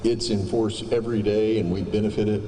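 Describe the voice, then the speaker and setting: A man giving formal, courteous public remarks as an airport official, in a measured but halting way. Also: lowish voice, fairly even intonation, mellow. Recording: echoey hall, distant mic, background noise.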